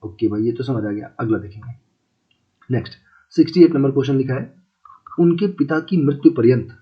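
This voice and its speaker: A man's voice: medium pitch, fairly quick. A man teaching a casual exam-prep Hindi lesson, repeating key words and asking listeners if they follow. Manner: repeats key words, asks checking questions; chatty, calls listeners brother and friends. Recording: slightly dull lo-fi audio.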